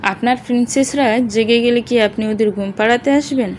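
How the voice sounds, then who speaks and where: A woman's voice: fairly high pitch, moderate pace, a little hiss or hum, rough recording. A woman reading an audio story aloud, narrating and speaking every character's dialogue in one voice.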